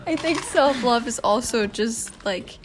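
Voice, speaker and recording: A woman's voice: fairly high pitch, lively intonation, measured pace. Giggly young woman, school crowd behind. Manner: giggly, laughs often. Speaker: co-host. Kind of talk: casual chat. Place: school during lunch break.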